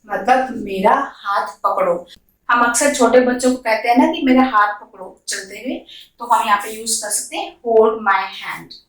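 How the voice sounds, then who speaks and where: Woman, English teacher, beginner lesson, slow, stretched-out example sentences, echoey room, distant mic. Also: fairly high pitch, a bit bright. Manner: slow, drawn-out model sentences between quick explanations.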